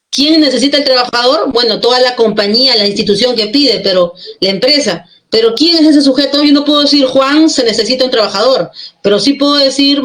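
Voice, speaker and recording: A woman's voice: high-pitched, fairly bright tone. Echoey-voiced woman teaching grammar. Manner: explains step by step, asks checking questions. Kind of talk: classroom grammar lesson. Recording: echoey room.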